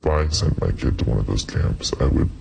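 Anonymous source, voice digitally disguised and pushed far down, gritty and rough, earnest tone. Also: fairly quick, darkish tone, a little hiss or hum. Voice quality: gravelly, rough. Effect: voice electronically altered to sound very deep for anonymity. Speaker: anonymous news interviewee.

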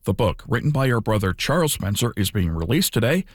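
A man's voice: on the low side, sing-song, brisk, no room sound, studio quality. A man reading scripted radio news as the anchor.

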